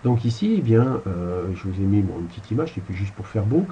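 A man's voice: fairly low pitch, very animated, brisk, mellow, highs cut off, slight background noise. A man giving a casual spiritual lecture over slides, rambling and colloquial, with crude asides. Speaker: spiritual teacher.

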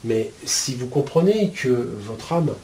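A man teaching spiritual ideas to his viewers in a casual, colloquial way, with a steady stream of "hein" and "euh". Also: medium pitch, takes it slowly, a little hiss or hum. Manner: chatty, explains with homely metaphors.

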